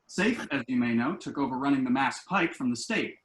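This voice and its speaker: In a table-read play, a man voices a glib, enterprising grown son who earnestly and confidently pitches shady business schemes. His mid-range, fairly bright voice is expressive and brisk, close to how he'd normally talk, in a roomy, echoing home recording.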